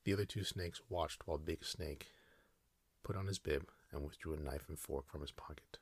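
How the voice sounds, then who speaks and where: A man narrating a sleep story in a soft, slow ASMR whisper. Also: rumbling low, slightly rough, no room sound.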